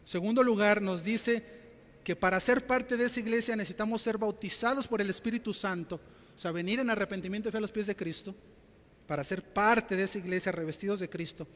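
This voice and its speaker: High-voiced preacher in a reverberant hall. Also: male voice, a little fast, fairly bright tone. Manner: storytelling preacher, acts out quotes, addresses "mis hermanos". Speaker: pastor. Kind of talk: sermon. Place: church.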